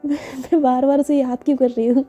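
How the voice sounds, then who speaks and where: A woman's voice: fairly high pitch, fairly even intonation, normal speed, warm tone, lo-fi sound, soft background music, lightly acted. A shy, confused young bride, as a woman storyteller puts her on. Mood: wistful.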